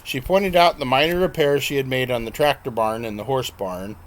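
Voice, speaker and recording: A man narrating his own novel as an audiobook in a plain, unhurried reading with an occasional slip he corrects. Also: medium pitch.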